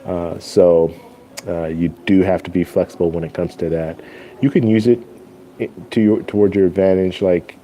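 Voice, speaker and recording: A man hosting a casual live stream, chatting with viewers in a halting, rambling way. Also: sits low, steady tone, warm tone. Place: airport waiting area. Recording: faint airport background noise.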